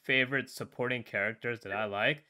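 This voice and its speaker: A man in casual podcast chat, retelling a story in a relaxed way full of fillers and tag questions. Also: medium pitch, fairly quick. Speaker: podcast co-host.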